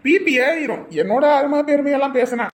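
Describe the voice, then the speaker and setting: A woman's voice: sits high, brisk, a little mellow, lightly acted. A woman in a village comedy skit playing a henpecked husband who teases and grumbles about his wife. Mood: teasing. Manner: teasing and grumbling.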